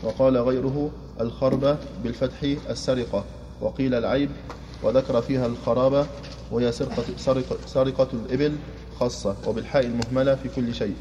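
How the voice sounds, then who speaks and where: Guy reading a classical text quick to his teacher, dull lo-fi sound, noisy background. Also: mid-range voice. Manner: rapid, steady recitation. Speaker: student reading the text aloud. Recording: dull lo-fi with clear background noise.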